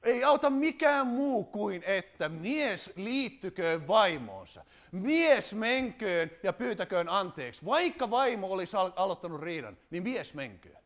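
Animated high-voiced male preacher. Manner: animated, rhetorical questions, addresses congregation. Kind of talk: sermon.

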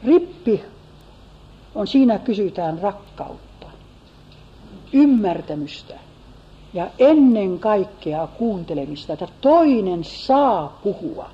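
A woman's voice: medium pitch, big pitch swings. Earnest woman preacher, slightly muffled. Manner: earnest, swings between forceful and hushed emphasis. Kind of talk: sermon. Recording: slightly dull lo-fi recording.

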